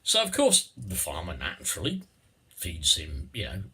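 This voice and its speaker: A man with a very raspy, forceful voice rambles through a satirical monologue. His pitch leaps about dramatically as he digresses, repeats himself and adds little tag questions. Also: wildly swooping pitch, moderate pace.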